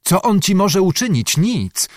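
A man voicing a calm, firm young officer in an audiobook reading. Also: high voice, measured pace, no echo, studio quality, pitched above the performer's own voice.

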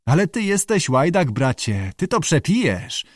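A man's voice: fairly high pitch, very animated, measured pace, dry recording, studio quality, voice pushed up. A man voicing a big, gloomy, stubborn male Swedish sailor in an audiobook, speaking in a blunt, growling way. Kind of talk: audiobook character voice.

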